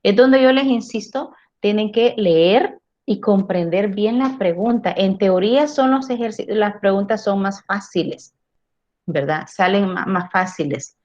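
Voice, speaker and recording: A woman lectures her philosophy class in a middle-pitched voice. She checks in with her students through frequent tag questions and stumbles over repeated words as she explains. The recording sounds dull and lo-fi. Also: measured pace, a little mellow. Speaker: philosophy teacher.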